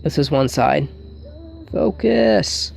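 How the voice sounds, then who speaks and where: A man giving a casual hands-on tutorial, thinking aloud in a halting way as he works, with wry humour. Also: medium pitch, big pitch swings, vocal fry, a little mellow, a little hiss or hum. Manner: thinks aloud while working, halting, wryly joking. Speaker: hobbyist demonstrating an electronics hack.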